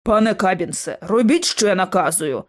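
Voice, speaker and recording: A woman's voice: mid-range voice, animated, normal speed, lightly acted. A woman voicing a scheming, eccentric male scholar who is commanding and impatient in a storybook reading.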